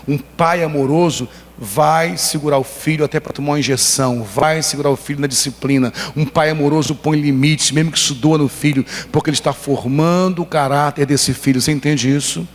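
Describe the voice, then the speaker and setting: A Brazilian-accented man preaching a sermon in a church, telling stories with emphatic, animated emotion. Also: mid-range voice. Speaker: pastor. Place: church hall. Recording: long church hall reverb.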